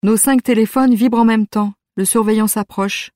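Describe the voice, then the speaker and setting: A woman narrating a youth novel in the first person, in a steady, measured reading voice. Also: fairly high pitch, dry recording, studio quality. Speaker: audiobook narrator.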